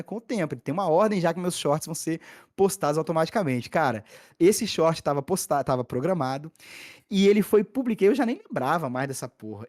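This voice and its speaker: A young adult man, a podcast guest, telling a story in a casual, slangy, animated way with many restarts. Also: on the high side. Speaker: podcast guest, gaming content creator.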